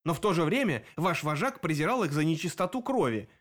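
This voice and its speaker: A man's voice: fairly high pitch, big pitch swings, fairly quick, a bit bright. A man voicing a sly, grinning male demon detective in an audiobook, mocking and theatrical.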